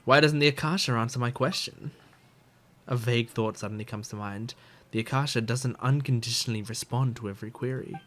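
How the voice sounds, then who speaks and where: With faint game music in the background, an Australian gaming streamer offers joking, casual reactions and sometimes reads text aloud. He talks fairly quickly, with a medium-pitched, fairly bright voice.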